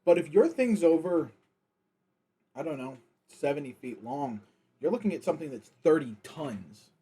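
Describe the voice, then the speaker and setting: A man's voice: a little high, expressive, moderate pace, dark tone, slightly rough. A young man chatting casually on a gaming livestream, thinking aloud with lots of fillers as he reviews a viewer's creation.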